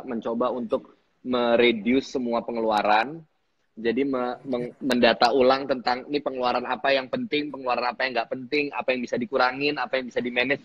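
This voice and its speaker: A man, a guest actor on a casual live stream, telling stories in a joking, lively way. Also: mid-range voice, husky. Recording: dull lo-fi livestream audio.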